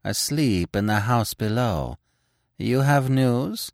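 A man's voice: medium pitch, expressive, slow pace, vocal fry, dry recording, studio quality, voice pushed up. A man voicing a reserved male servant magician who speaks in a restrained, anxious way, afraid of his masters. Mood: calm.

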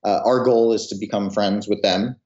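Hesitant low-voiced man in his thirties. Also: steady tone, moderate pace, noisy background. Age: 30s. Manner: hesitant, full of fillers and restarts. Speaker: company founder, guest. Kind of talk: interview answers. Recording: roomy, dull audio.

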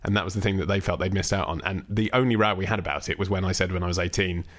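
A man's voice: deep voice, very fast, a bit bright. A young man co-hosting a casual podcast chat, telling stories in a loose, joking way. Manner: chatty storyteller, loose and joking. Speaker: podcast co-host.

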